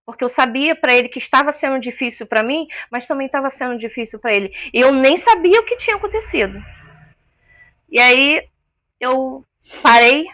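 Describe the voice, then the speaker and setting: A woman's voice: sits high, lively intonation, moderate pace, fairly bright tone, dry recording, clean studio sound. A woman giving an emotional personal testimony as an interview guest, a vivid storyteller who acts out the voices she quotes.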